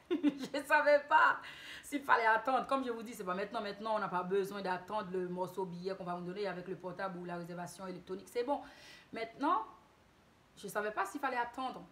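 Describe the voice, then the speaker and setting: A woman's voice: a little high, a bit bright, slight background noise. A woman from Haiti telling a casual story-time tale to her channel, hesitant, with many restarts and self-corrections.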